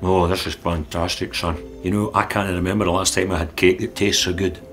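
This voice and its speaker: A sly old Scottish granddad. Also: male voice, low voice, fairly even intonation, brisk, fairly bright tone, faint music behind. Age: older. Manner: dry, mocking, sly. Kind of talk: comedy sketch acting.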